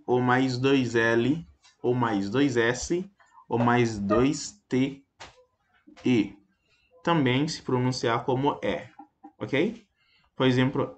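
Slow-speaking male French teacher. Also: medium pitch. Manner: repeats example words slowly, checks in with frequent "ok?". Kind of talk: explanatory language lesson.

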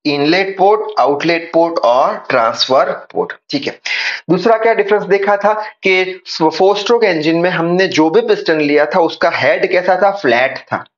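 A young man with a high voice teaches an engineering class at the whiteboard, speaking at normal speed. He poses questions, answers them himself, and keeps repeating the key points. The recording has its highs cut off.

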